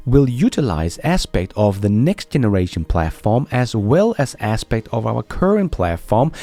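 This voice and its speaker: The host of a Tesla news channel, a man with a mid-range, dark-toned voice, presents a commentary show for his viewers. He is enthusiastic and emphatic, chuckling between points, and the recording is dry.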